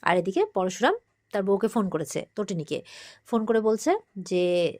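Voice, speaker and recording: A woman's voice: mid-range voice, normal speed, darkish tone. A woman with a Bengali accent casually recapping a TV serial episode, now and then acting out the characters' lines. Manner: retells scenes, briefly acting out characters' lines in a livelier voice.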